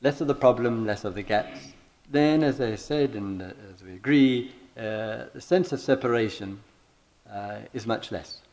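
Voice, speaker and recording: A man teaching meditation in a question-and-answer dialogue, speaking deliberately and haltingly and often repeating his phrases. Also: medium pitch, a little mellow.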